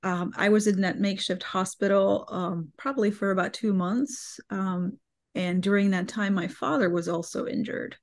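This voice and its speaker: A woman in her forties from Bosnia, telling her story to a podcast host in a measured, halting way. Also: mid-range voice, fairly even intonation. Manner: measured, halting, with many fillers. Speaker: podcast guest. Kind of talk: personal interview storytelling.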